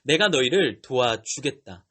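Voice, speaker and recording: A man voicing God as a calm, reassuring divine figure, speaking slowly and solemnly in a lowered voice. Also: husky. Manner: slow, lowered, solemn delivery.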